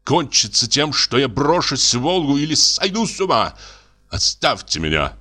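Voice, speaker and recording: A man's voice: medium pitch, big pitch swings, moderate pace, bright, forceful tone, voice pushed up. A man voicing an irritable, weary male painter who talks curtly and impatiently in an audiobook. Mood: weary pleading. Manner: exasperated and curt.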